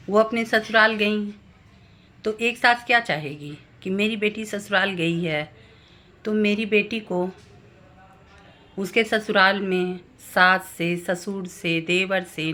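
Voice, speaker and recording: A woman vlogger giving calm advice on family relationships, speaking gently and explaining each point step by step. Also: medium pitch. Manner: slow, gentle and explanatory, lists family members one by one. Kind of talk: calm advice talk to camera.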